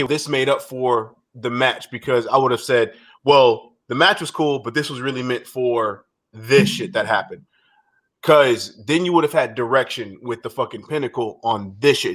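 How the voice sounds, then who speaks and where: A man in the middle of a casual wrestling recap chat, voice at an ordinary middle pitch. He rambles, restarts his sentences and swears freely as he makes his points. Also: fairly bright tone. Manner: rambling, frequent restarts and profanity. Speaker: podcast co-host.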